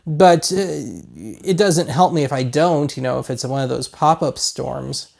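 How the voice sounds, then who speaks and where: Creaky and darkish, his mid-range voice moves a little slowly as he chats through a product review in a wry, wandering way. The speaker, an American-accented man in his thirties from Colorado, hosts a hobby video series.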